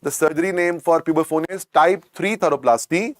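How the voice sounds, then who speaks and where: A man's voice: fairly high pitch, fairly quick, dry recording, clean studio sound. A man with an Indian English accent giving a classroom lecture, repeating each point and coaxing students with "beta". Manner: repetitive, coaxing, keeps adding "beta" to drill points. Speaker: medical exam lecturer.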